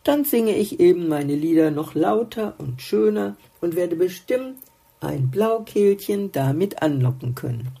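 A woman's voice: on the low side, expressive, measured pace, vocal fry, dark tone, breathy edge, full character voice. A woman voicing a grumpy, puzzled little male songbird in a storybook, grumbling and doubting. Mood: grumbling, doubtful.

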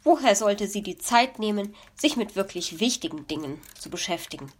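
A woman narrating a children's story in an expressive, unhurried storytelling manner. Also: medium pitch, a little hiss or hum.

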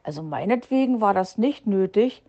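A woman's voice: medium pitch, lively intonation, moderate pace, warm tone, highs cut off. A woman voicing a grumpy, nervous male fox uncle who blusters and stammers out excuses. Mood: blustering. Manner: gruff, blustering, flustered excuses.

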